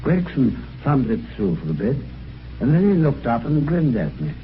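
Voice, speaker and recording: Music plays behind this dull, old radio recording with slight background noise, as an actor voices a genteel British amateur sleuth telling of his eerie adventure. The 1950s mystery uses first-person narration, conversational and measured. His mid-range voice is sing-song, lightly acted, at normal speed.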